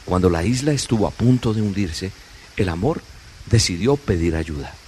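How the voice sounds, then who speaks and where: Earnest low-voiced man preaching. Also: animated, normal speed, a little mellow, a little hiss or hum. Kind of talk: sermon with told fable.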